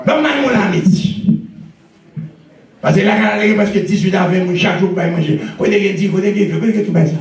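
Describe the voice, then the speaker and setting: A male pastor with a Haitian accent preaching a sermon with call-and-response and frequent shouts. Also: sits high, fairly quick. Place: church sanctuary. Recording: echoey church recorded from a distance.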